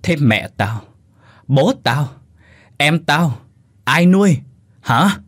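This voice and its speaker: A man's voice: mid-range voice, big pitch swings, normal speed, slightly rough, pitched above the performer's own voice. A man voicing a vengeful young female ghost who screams her demands in a storytelling narration. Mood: furious.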